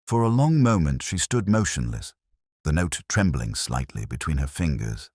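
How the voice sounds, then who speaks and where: Male narrator, very deep, lively intonation, dry close recording; calm measured audiobook storytelling. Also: breathy edge, no echo.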